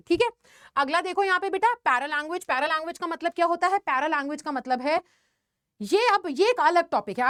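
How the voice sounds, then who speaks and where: A young woman teacher with an Indian accent, giving an animated exam-prep lesson and calling her students "beta". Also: high voice, dry recording, studio quality. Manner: animated, addresses students as beta, mixes English phrases.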